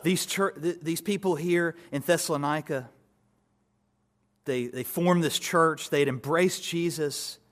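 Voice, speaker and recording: A male pastor preaching an expository sermon, building to emphatic peaks and dropping to soft asides. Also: fairly high pitch, a little slow.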